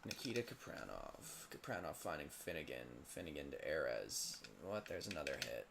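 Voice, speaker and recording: A hoarse, tired teenage boy commenting on a simulated lacrosse league late at night, rambling and mumbling with self-pity between plays. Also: very deep voice, big pitch swings, normal speed, noisy background. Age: teens.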